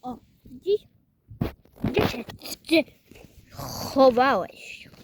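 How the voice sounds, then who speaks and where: A woman plays with her toys at home, speaking to them in a playful, sing-song voice and calling out to them. Her voice sits high and she talks slowly. The recording has clear background noise. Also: animated. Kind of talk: playful play-acting with toys.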